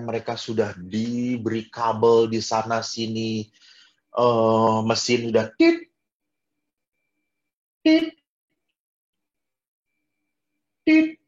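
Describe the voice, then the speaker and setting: Expressive male priest preaching. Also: highs cut off. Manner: expressive, wide swings in pitch and loudness; drops in English phrases. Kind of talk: sermon to a prayer group.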